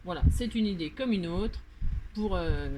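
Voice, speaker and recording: A woman's voice: fairly low pitch, lively intonation, unhurried. Chatty French woman crafting, noisy room. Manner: chatty and self-mocking, many fillers and repeated words. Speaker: crafting tutorial host. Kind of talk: casual crafting tutorial.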